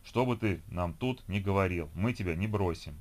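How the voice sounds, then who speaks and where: A man's voice: low voice, normal speed, a little mellow, close to an everyday voice. A man voicing a firm, blunt middle-aged ship captain in an audiobook.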